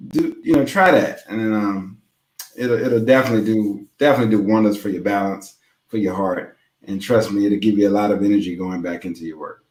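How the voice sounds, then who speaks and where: A man's voice: lowish voice, brisk, darkish tone, reverberant. A man co-hosting a casual business chat show, folksy and joking while giving earnest advice. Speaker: co-host.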